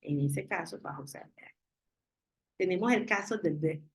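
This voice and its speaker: A woman with a low, husky voice teaches an online English class over a video call. She moves between Spanish and English and explains slowly, one example at a time. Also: rough recording.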